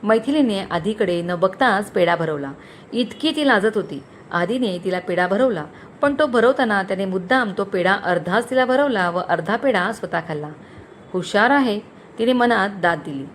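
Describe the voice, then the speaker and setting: A woman storyteller narrating a romantic story in an expressive reading voice. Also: medium pitch, normal speed, slight background noise.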